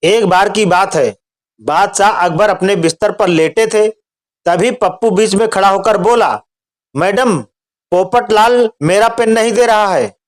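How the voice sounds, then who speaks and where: A man reading out a string of short jokes in a steady storytelling voice. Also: high voice, a little slow.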